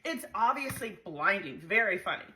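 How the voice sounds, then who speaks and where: A young woman animatedly telling a dramatic, self-mocking story to her phone camera at home, full of quick asides. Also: medium pitch, lively intonation, sharp tone. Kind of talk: casual storytelling vlog to camera. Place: home, indoors.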